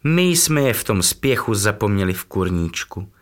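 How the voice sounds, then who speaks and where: A man voicing an excitable young female chick in a children's story, speaking eagerly and brightly. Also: on the low side.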